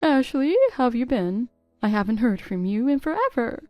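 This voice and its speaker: A woman's voice: fairly high pitch, lively intonation, moderate pace, muffled recording, over music, natural voice. A woman voicing a chatty middle-aged friend who asks nosy questions. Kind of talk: text-story voice acting.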